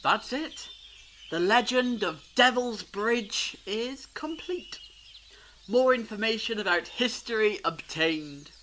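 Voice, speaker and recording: A man's voice: sits high, lively intonation, slow, pushed and bright, a little hiss or hum, heavily acted. A man playing a clever, theatrical, reassuring alien time traveller in a fan audio drama, explaining things eloquently. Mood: light, chatty.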